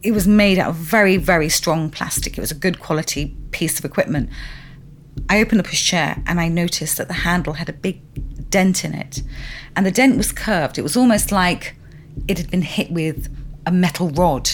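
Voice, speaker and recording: A woman's voice: lowish voice, normal speed, a little hiss or hum. A woman telling her own experience in an interview, earnest and emphatic, repeating words for stress. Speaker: interviewee recounting a haunting. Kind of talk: personal testimony interview.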